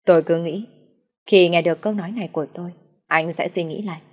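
A woman narrating a first-person story in a sad, steady reading voice. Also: on the low side, fast, long reverb tail.

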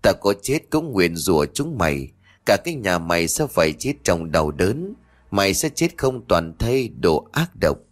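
A man's voice: sits low, big pitch swings, normal speed. A man voicing a wronged blind young mother who cries out accusations and curses. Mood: cursing.

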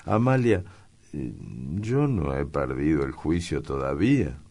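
Earnest, reserved young gentleman read by a man, very deep voice, protesting lines in a storybook reading. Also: very animated, slow, heavily acted.

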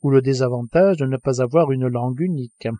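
A man voicing a calm, deferential adult manservant with a tranquil voice. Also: mid-range voice, brisk, dry recording, natural voice.

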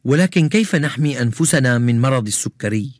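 A man playing a calm science buff. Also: mid-range voice, fast, dry recording, clean studio sound, close to an everyday voice. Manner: calm, explanatory. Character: calm, knowledgeable young male science buff. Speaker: science expert character in a radio show. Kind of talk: children's radio drama.

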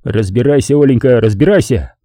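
A man voicing a gruff middle-aged male partisan commander who grumbles and gives orders in an audiobook. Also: medium pitch, a little fast, warm tone, no echo, clean studio sound, natural voice. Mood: gruff commanding.

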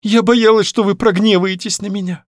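Guy doing a scared young noble girl, high and teary, pleading, dry close sound. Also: fairly even intonation, moderate pace, dry recording, close to an everyday voice. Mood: tearful, pleading. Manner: high pleading voice, near tears. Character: frightened pregnant young noblewoman, tearful.

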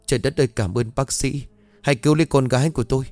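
A man's voice: mid-range voice, very fast, a little mellow, soft background music, pitched above the performer's own voice, close to an everyday voice. A man doing an anxious, fretful middle-aged mother. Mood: anxious pleading. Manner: pleading, fretful.

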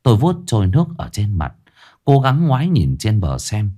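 A man narrating a ghost story in a tense, expressive storytelling manner. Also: fairly low pitch, moderate pace.

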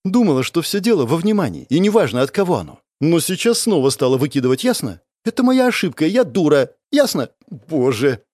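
A shy young woman, as a male narrator puts her on, flustered and mumbling with embarrassment in an audiobook. Her voice climbs higher than the reader's own and swings widely. The sound is dry and close. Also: big pitch swings, a little fast, hardly any pauses, darkish tone, dry recording.

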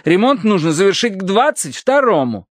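A pale, fretful young clergyman, played by a male audiobook reader, scolds in a raised, lively voice full of indignation. The sound is dry. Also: high voice, moderate pace, dry recording, voice pushed up. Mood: scolding.

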